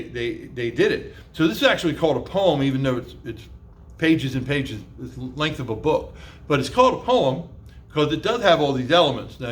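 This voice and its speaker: With a medium-pitched, fairly bright voice, a man teaches a class in a chatty lecture style full of filler words and rhetorical questions. He often spells terms out one letter at a time and sounds out how words used to be pronounced.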